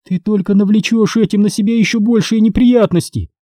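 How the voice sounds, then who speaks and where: A man's voice: sits high, steady tone, fairly quick, warm tone, no echo, studio quality, pitched above the performer's own voice, natural voice. A man voicing an upset, tearful mother in an audiobook, reproachful and anguished. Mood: distraught.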